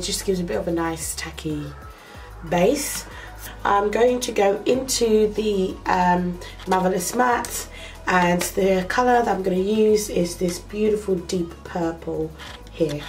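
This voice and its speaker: A young makeup vlogger with a cold, sounding nasal, walks viewers step by step through a tutorial in her small bedroom, close to the camera. She talks slowly and chattily with plenty of fillers in a medium-pitched voice. The recording is rough, with faint music behind her.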